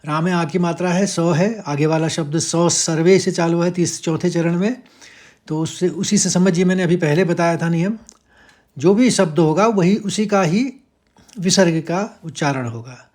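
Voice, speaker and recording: A man teaching how to pronounce a Sanskrit verse, breaking words into sounds and chanting each line slowly. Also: a little high. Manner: explains syllable by syllable, chants verses slowly and louder. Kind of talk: slow pronunciation lesson with chanted verse.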